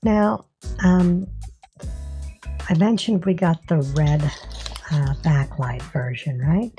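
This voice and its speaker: A woman talking through a voice modulator, giving a casual, rambling product review full of fillers and pauses. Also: low voice, steady tone, dark tone, faint music behind. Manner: rambling, filler-heavy, halting.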